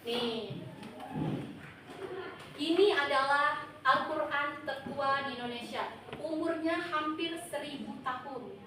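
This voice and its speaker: A young woman student teacher giving a lively classroom lesson, asking the class questions. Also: high-pitched, slow pace, long pauses. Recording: echoey classroom, far from the mic, noisy.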